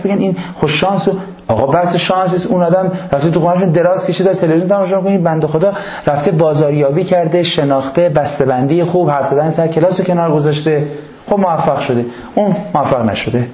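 A man's voice: on the high side, echoey room, highs cut off. Man lecturing a class with dry humour. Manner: humorous, banters with students.

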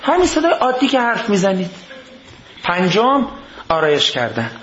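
A man with a high voice delivers a humorous religious lecture, joking and mimicking people as he goes. His pitch jumps up and down. The recording is echoey and a little muffled, with a dull lo-fi sound. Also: wildly swooping pitch, a bit bright, a little hiss or hum. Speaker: cleric lecturer.

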